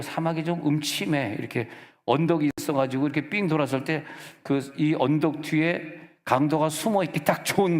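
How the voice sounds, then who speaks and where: A middle-aged man, a senior pastor, preaching a sermon in a church sanctuary and telling personal stories in a relaxed, conversational way. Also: fairly high pitch. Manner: conversational, storytelling with personal anecdotes. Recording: reverberant church hall.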